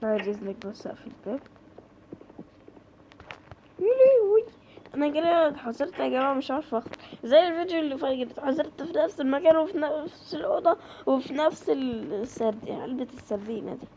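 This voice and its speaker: An Egyptian woman talks her viewers through a horror game in a chatty, jumpy way. Her voice sits high. The recording is a little dull, with a faint hiss underneath. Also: rapid-fire, dark tone. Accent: Egyptian Arabic. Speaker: gaming creator. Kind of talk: horror game let's play commentary.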